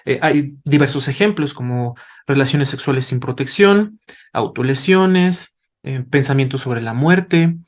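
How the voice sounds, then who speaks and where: A man with a mid-range, animated voice speaks at a measured pace. He's a doctor appearing as an invited expert, teaching parents in a didactic style, posing rhetorical questions and tagging his points with "¿vale?".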